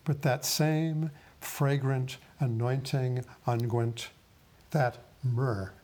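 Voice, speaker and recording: A man preaches a sermon, slow and solemn. He takes his time over each phrase and pauses gravely, at an even middle pitch.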